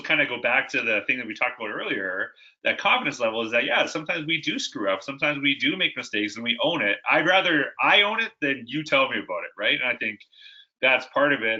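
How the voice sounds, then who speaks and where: Man with a very bright voice. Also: medium pitch, dull audio. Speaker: guest, educator and author. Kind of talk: conversational interview.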